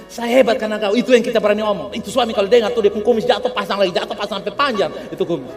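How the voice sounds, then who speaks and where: High-voiced animated preacher. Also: male voice, very fast. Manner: humorous, animated, asks the congregation for responses. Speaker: pastor. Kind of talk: sermon. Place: church hall. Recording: long church hall reverb with faint music.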